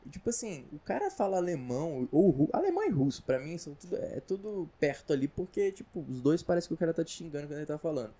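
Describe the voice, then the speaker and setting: A man's voice: a little high, sing-song, quick pace, few pauses, dark tone. A Brazilian man rambling through a comedic casual monologue, slangy and full of asides. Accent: Brazilian Portuguese. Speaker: vlogger.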